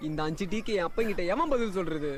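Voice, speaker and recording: An actor playing a cheeky young village man who answers back with quick retorts. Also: sits high, animated. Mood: quarrelsome. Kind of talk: dubbed film acting. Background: film music.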